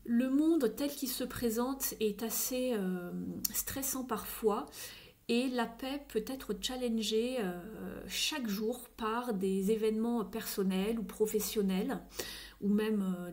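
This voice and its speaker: A woman giving a casual tarot reading, thinking aloud with frequent fillers and slipping into soft whispery asides. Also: fairly high pitch, slow pace. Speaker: tarot reader.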